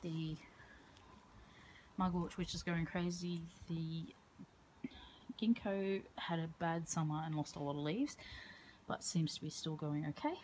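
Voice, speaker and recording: A woman strolls through her outdoor garden, naming plants in a slow, rambling way full of ums. Her voice sits a little low, and it is picked up on a handheld phone with a faint outdoor hush behind her. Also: noisy background. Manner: unhurried, rambling, frequent ums. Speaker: herbalist showing her garden. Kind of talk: casual garden tour.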